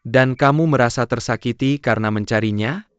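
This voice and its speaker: A man's voice: mid-range voice, brisk, smooth, no room sound, natural voice. A man dubbing a defensive husband. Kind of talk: dubbed drama dialogue. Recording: dull lo-fi dub with music behind.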